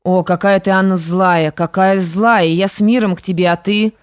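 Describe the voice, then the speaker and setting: A woman's voice: mid-range voice, steady tone, normal speed, no room sound, studio quality, close to an everyday voice. A woman voicing a scheming young widow, a stepmother who sounds falsely sweet and menacing. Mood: spiteful. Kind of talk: audiobook character reading.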